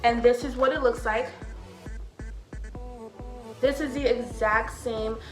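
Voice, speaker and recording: A young woman talks to her camera in a relaxed, rambling vlog style, her voice sitting a little high. She sounds slightly out of breath and keeps trailing off with casual filler. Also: slow pace, reverberant, faint music behind. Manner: chatty, loose, trailing off with "or whatever". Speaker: vlogger.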